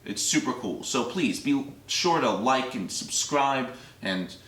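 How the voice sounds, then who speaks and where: A man's voice: medium pitch, lively intonation, slow, a bit bright. A man, the show's editor, thanking viewers in a friendly, upbeat outro. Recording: roomy echo.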